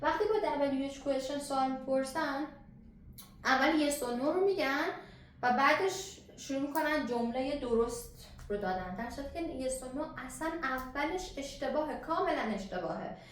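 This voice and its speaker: A woman teaching an English grammar lesson, slowly stretching out example sentences and often checking in with "okay?". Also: high voice, animated. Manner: checks in with "okay?" and asks questions back. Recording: very echoey room, faint hiss.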